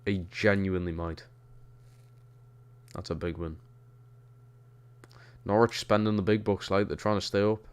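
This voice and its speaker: Casually streaming a football game, a young Geordie from Newcastle reads his chat aloud. His low voice holds a steady tone at a measured pace with long pauses, and the sound is clean.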